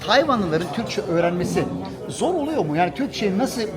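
A man's voice: sits high, sing-song, brisk. A man hosting a casual vlog, chatting and asking coaxing questions, often repeating his phrases. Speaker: vlog host. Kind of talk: casual vlog chat and interviewing. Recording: crowd chatter behind.

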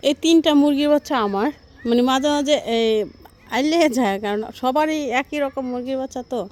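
A woman's voice: high voice, a little fast, darkish tone. A woman, chatting casually and rambling with many fillers as she vlogs while cooking at home. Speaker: vlogger. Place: home kitchen and yard.

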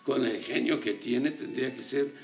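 A man's voice: mid-range voice, moderate pace, vocal fry, roomy sound, faint music behind. An older man with a Mexican accent giving casual, sarcastic political commentary as a talk show host. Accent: Mexican Spanish. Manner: animated, sarcastic, mocking.

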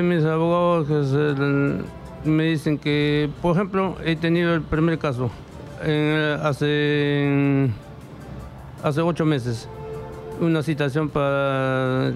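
A middle-aged man tells his story in a radio studio, halting and repeating himself as he acts out what others said. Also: a little high. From Peru. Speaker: interviewee reporting bank fraud. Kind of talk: emotional testimony in a radio studio. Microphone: studio mic with headphones.

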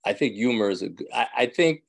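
Speaking fast with lively intonation, this older New York rabbi chats casually with members of his evening class on a home video call through a phone or webcam. He rambles, jokes and laughs a lot, and his medium-pitched voice has a creaky edge.

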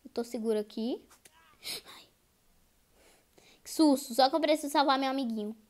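A woman's voice: high-pitched, moderate pace, darkish tone. A woman giving live gameplay commentary as a YouTuber, jumpy and easily frightened, shrieking at scares and constantly talking to her viewers. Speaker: gaming YouTuber.

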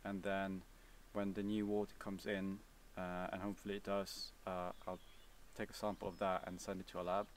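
Sitting outside on a cabin bench near the woods, a young Swedish vlogger with a flat, low voice fields casual Q&A at a moderate pace with hardly any pauses. He's relaxed yet hesitant, full of fillers and restarts, and is far from the mic with a little hiss or hum.

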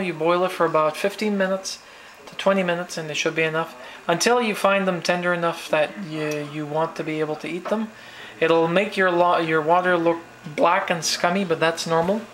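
Filming a laid-back cooking vlog in his home kitchen, this New Brunswick man wanders through his thoughts with plenty of fillers and false starts. His slightly high voice comes through a handheld camera with poor sound and a bit of background noise.

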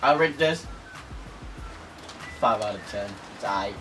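A man's voice: lowish voice, animated, takes it slowly, far from the mic, music in the background. A young man from Hawaii, giving playful ratings in a casual taste-test chat while chewing. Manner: playful, joking. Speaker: guest co-taster.

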